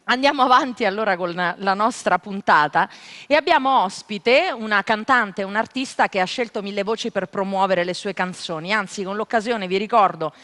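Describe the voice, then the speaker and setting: A woman's voice: medium pitch, moderate pace, fairly bright tone, long reverb tail. Effusive woman TV show host. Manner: effusive, laughs readily and breaks off her sentences. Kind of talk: casual studio chat and presenting. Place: television studio.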